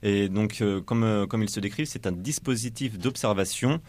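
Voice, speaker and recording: A man reporting on a radio show in a studio, explaining his subject earnestly while pausing to search for words. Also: fairly low pitch, darkish tone.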